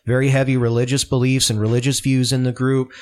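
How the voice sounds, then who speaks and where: A man's voice: mid-range voice, little pitch movement, quick pace, darkish tone. A man being interviewed as a political candidate, talking in an earnest, rambling way with many false starts, in a home room. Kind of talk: casual podcast conversation. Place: home room with open window.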